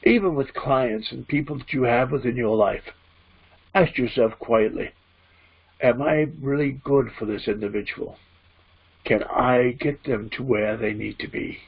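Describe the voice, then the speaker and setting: A man voicing a spirit guide as a trance medium at a seance, teaching solemnly and deliberately in a gravelly, husky voice. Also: mid-range voice. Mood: earnest, teaching. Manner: seance medium manner, preachy, deliberate, emphatic repeated phrasing. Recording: dull, muffled lo-fi audio.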